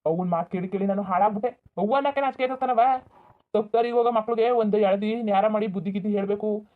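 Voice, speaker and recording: A voice actor playing an angry young man who scolds his family in a village cartoon, shouting and bitter. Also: mid-range voice, fast talker, natural voice. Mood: furious scolding. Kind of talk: Kannada village cartoon dub. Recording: tinny phone-like audio.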